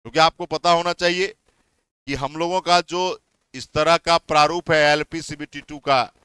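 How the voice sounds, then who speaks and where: A man's voice: on the high side, steady tone, moderate pace, bright, forceful tone, clear, resonant tone, no echo. A young man who teaches exam coaching, giving heated, repetitive warnings to students. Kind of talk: impassioned advice talk to students.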